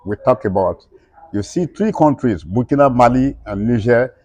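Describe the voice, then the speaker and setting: A man's voice: medium pitch, animated, normal speed, a little mellow, lo-fi sound. A middle-aged man speaking emphatically in broken, non-native English, repeating his points as an interviewee. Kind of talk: impassioned conversational speech.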